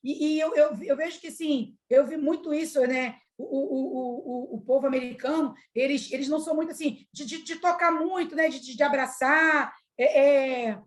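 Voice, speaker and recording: A Brazilian woman with a Brazilian Portuguese accent, telling a personal testimony at a church event, animated and full of fillers and repeated words. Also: high-pitched, normal speed, hardly any pauses. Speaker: speaker at a church women's event. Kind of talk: testimony talk.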